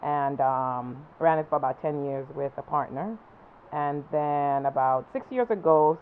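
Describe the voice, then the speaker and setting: A woman from Jamaica with a Jamaican accent, a guest entrepreneur talking about her work, halting and full of ums. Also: low voice, narrow, tinny audio, slight background noise. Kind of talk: talk show interview.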